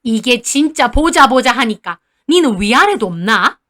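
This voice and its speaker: Woman voicing cranky old grandmother, Gyeongsang dialect, blunt, scolding, high voice. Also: very animated, a little slow, fairly bright tone. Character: harsh old grandmother who favors her grandson.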